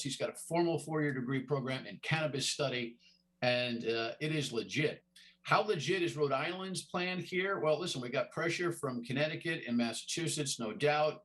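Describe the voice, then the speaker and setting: A man's voice: a little high, a bit bright. A middle-aged man hosting a TV talk show, asking long rambling questions with many stammers and restarts. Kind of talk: TV interview.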